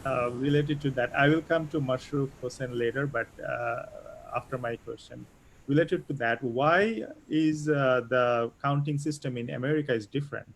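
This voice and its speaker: A man's voice: medium pitch, moderate pace, creaky, a little hiss or hum. A male host, hesitantly moderating questions in an online interview. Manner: hesitant, many fillers.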